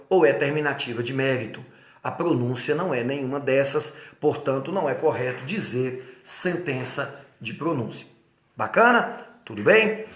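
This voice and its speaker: A man with a Brazilian Portuguese accent teaches an exam-prep law lesson, his voice set a little high for a man. He hammers key points with repetition and keeps asking the listener if it's all clear. The sound carries a noticeable room echo. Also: a bit bright. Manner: emphatic, repeats key points, asks rhetorical check-ins. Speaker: law lecturer.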